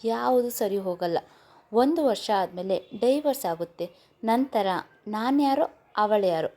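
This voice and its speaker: A woman's voice: mid-range voice, expressive, unhurried, dark tone. A woman voicing a bitter heartbroken young husband. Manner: bitter, firm.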